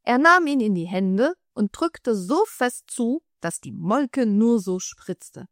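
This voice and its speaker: A woman narrating a fairy tale in calm, measured storytelling. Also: on the high side, dry recording, clean studio sound.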